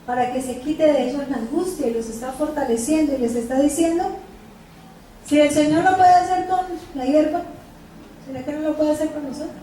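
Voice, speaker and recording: A woman's voice: high voice, fairly quick, mellow. A woman teaching a Bible study as a sermon, asking the listeners questions and repeating the verses. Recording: echoey room from far off, faint noise.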